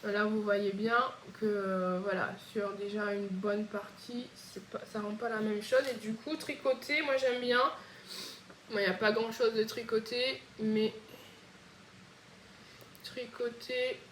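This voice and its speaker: A woman's voice: fairly high pitch, fairly even intonation, slight background noise. A woman from Réunion with a Réunion French accent, chatting casually and hesitantly as host of a knitting podcast. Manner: chatty, hesitant, frequent pauses. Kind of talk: casual chat. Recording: echoey room.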